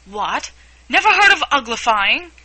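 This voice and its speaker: A woman voicing a gruff, impatient male Gryphon who talks in blunt, folksy phrases in a storybook reading. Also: medium pitch, lively intonation, moderate pace, bright, forceful tone. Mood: brusque. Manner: brusque, folksy grammar.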